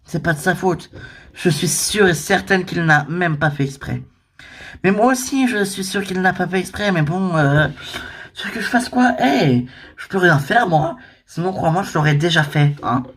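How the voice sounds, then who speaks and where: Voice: normal speed, a bit bright. A performer, voicing every character of an amateur toy-figure drama in casual everyday speech. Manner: shifts pitch between characters, casual everyday French with fillers.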